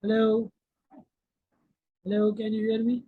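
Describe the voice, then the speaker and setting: A woman's voice: on the high side, little pitch movement, a little slow, slightly rough. A woman tutor on an online call that keeps cutting out. She keeps asking whether she can still be heard. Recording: phone-like call audio.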